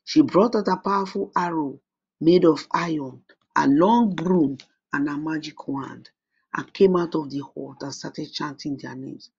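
Husky, gravelly storybook narrator. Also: medium pitch, measured pace, lo-fi sound.

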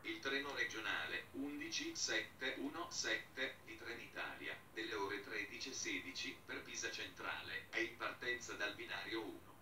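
A man making a flat, formal railway station announcement in measured, segmented phrases. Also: lowish voice. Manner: measured formal delivery with names read in separate segments. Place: public address in a railway station, station ambience behind. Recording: bright roomy distant PA with background noise.

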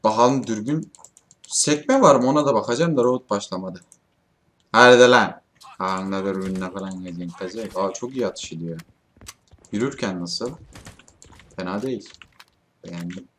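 A young man casually commenting on his own shooter gameplay, swearing often and yelling at his teammates in frustration. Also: fairly low pitch, moderate pace, long pauses, slight background noise. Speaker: gaming YouTuber.

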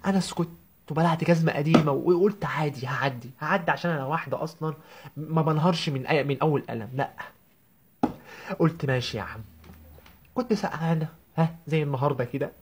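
A man's voice: fairly high pitch, noisy background, natural voice. A man with an Egyptian Arabic accent voicing a young newlywed woman who complains to her mother on the phone in a comic sketch, whiny and indignant. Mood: aggrieved. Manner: whiny, indignant, rapid rambling. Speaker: comedian.

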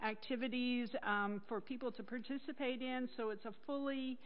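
A woman's voice: fairly high pitch, fairly even intonation, normal speed, highs cut off. A woman, a council member speaking in a friendly, upbeat way at a meeting. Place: council chamber.

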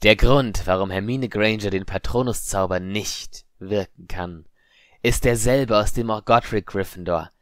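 A man putting on a cold, menacing voice that speaks from the shadows, hissing each word slowly and deliberately. It sits rather low, recorded close and dry in an audiobook reading. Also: no echo, close to an everyday voice. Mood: scornful. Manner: slow, hissing, quietly threatening. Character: eerie unseen whispering voice, cold and menacing.

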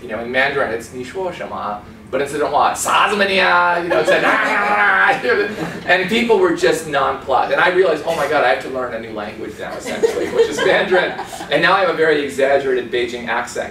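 A light hiss or hum sits under the roomy, far-camera audio of a man in his forties speaking in a small conference room. His mid-range voice is chatty and animated as he tells stories over slides, gesturing a lot and putting on accents and other voices.

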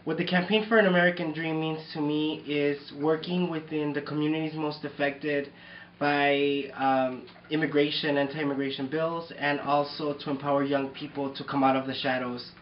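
A man in his twenties from Mexico gives an earnest, measured statement to camera indoors. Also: on the high side, little pitch movement, reverberant, highs cut off, slight background noise. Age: 20s. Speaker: activist giving a statement. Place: indoors before a curtain.

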